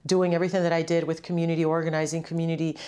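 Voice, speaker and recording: Speaking very fast in a flat, clear, resonant voice that is slightly low with a dark tone, a middle-aged woman reflects personally in an interview. She is a mother and community organizer, Puerto Rico-born and raised in western Massachusetts from age two.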